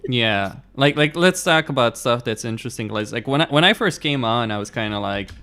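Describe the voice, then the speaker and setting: A man's voice: medium pitch, animated, fairly quick, pushed and bright, clear, resonant tone. A man from Romania with a Romanian accent, hosting a gaming channel in casual chat while playing, rambling and correcting himself often. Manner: rambling, self-correcting, frequent "like".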